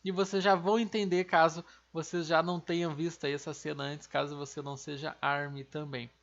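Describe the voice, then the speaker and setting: A language teacher with a Brazilian Portuguese accent, giving an online lesson, patiently repeating each word slowly and often checking in with tag questions. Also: mid-range voice, little pitch movement, muffled recording.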